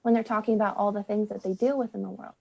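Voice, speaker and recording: A woman's voice: mid-range voice, fairly even intonation, very fast, gravelly, dark tone, lo-fi sound. A young woman from the United States talks casually as a guest, chatty and full of "like", acting out quotes as she goes. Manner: chatty, lots of "like", acts out quotes. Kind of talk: casual conversation.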